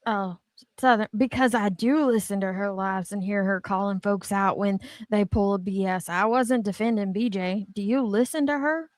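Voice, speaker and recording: In a casual co-hosted chat, a woman with a medium-pitched, steady voice speaks at normal speed, dishing gossip bluntly, swearing freely and dramatically reading out comments. No echo is audible.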